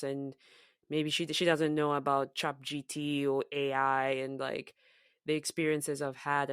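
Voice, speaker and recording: With a rumbling low, clean-toned voice, a Zambian woman co-hosts a podcast, her accent tempered by years living in the US and UK. She talks casually and thoughtfully, often using fillers and starting over. The recording is dry and of studio quality.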